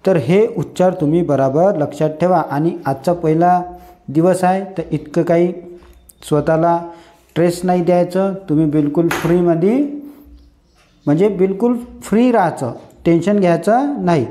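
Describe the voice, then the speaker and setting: A man with a fairly high, dark voice speaks at a normal pace, giving a slow phonics lesson to English beginners. He teaches in a repetitive call-and-response way, posing questions and answering them himself.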